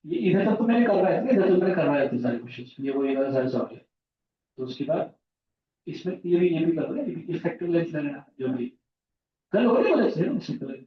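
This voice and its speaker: A male physics teacher with a slightly high voice talks informally with his class, fairly quickly and with big pitch swings, jumping between lesson points and anecdotes. He's far from the mic in an echoey room, and the dull recording has a little hiss or hum.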